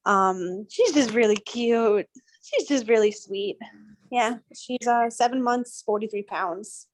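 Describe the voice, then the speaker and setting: A woman's voice: a little high, takes it slowly. A young woman fostering a rescue dog, chatting casually and gushing, with many ums and likes, over a video call. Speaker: foster volunteer.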